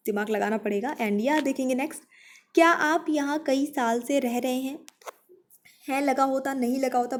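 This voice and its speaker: A woman with a high, light voice gives an English grammar lesson. She works through the rules patiently, step by step, and slows right down to spell out each English example sentence. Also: a little mellow. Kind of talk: online exam-prep grammar lesson.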